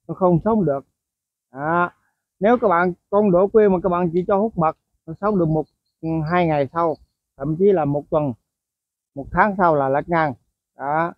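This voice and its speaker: In a tinny, phone-like recording with no room sound, a bird-keeping host with a slightly high voice chats casually about songbirds. His explanatory vlog narration is loaded with fillers and asides, and he addresses viewers often.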